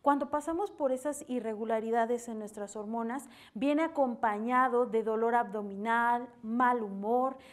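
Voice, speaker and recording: Higher-pitched Mexican woman explaining remedies. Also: normal speed, few pauses. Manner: steady explanatory delivery. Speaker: herbal advisor. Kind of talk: radio health talk.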